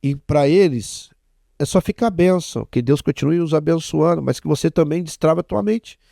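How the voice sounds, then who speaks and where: A man's voice: a little high, normal speed, gravelly, dark tone, no echo, studio quality. A Brazilian man, a guest apostle, telling a testimony animatedly and acting out the dialogue. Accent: Brazilian Portuguese. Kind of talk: testimony storytelling.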